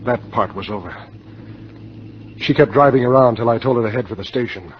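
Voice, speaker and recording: In grim, confessional first-person noir, an American man lightly acts a hard-boiled insurance salesman admitting to murder, terse and matter-of-fact in 1950s radio drama style. His mid-range voice runs fairly quick. The recording is a dull old radio broadcast with loud background music and a little hiss or hum.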